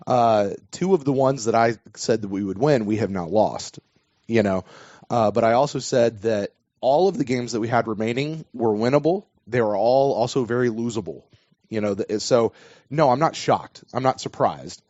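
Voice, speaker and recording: Slightly hoarse man hosting a podcast. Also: mid-range voice, moderate pace, darkish tone, no room sound. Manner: rambling, restarts sentences. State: losing his voice. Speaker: podcast host. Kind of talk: casual sports podcast chat. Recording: dull dry podcast audio.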